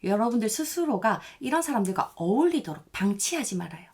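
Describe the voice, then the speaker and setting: Lively, high-voiced woman giving relationship advice. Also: fairly quick, slightly rough. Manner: addresses viewers directly, explanatory, switches between polite and casual speech; acts out short quoted remarks in dialogue. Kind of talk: direct-to-camera advice talk.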